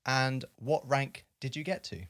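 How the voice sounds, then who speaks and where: A man's voice: medium pitch, a little slow, fairly bright tone, no echo, clean studio sound. A man hosting a podcast, talking in a friendly, chatty way with lots of fillers. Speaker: podcast host. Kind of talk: casual podcast chat.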